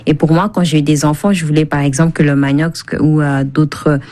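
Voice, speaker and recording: A cookbook author and food blogger from Senegal appears as a radio guest, explaining things conversationally and rephrasing along the way. Her voice is low and dark, her intonation fairly even, and her pace brisk.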